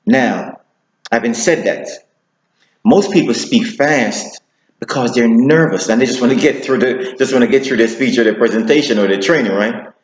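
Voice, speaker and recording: A man teaching public speaking, talking to camera and deliberately shifting his pace, slowing down for emphasis. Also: mid-range voice, reverberant, poor audio. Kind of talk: instructional talk to camera.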